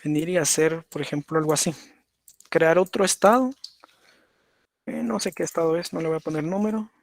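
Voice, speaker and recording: A man's voice: on the high side, brisk, vocal fry, dry recording. Male teacher explaining step by step. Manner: explanatory, repeats "por ejemplo" and "¿verdad?". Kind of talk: lecture on automata.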